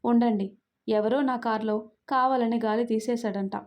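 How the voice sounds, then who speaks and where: A woman's voice: fairly high pitch, steady tone, moderate pace, dull audio, close to an everyday voice. A woman voicing a feisty young woman who scolds and curses sharply, in a storybook reading.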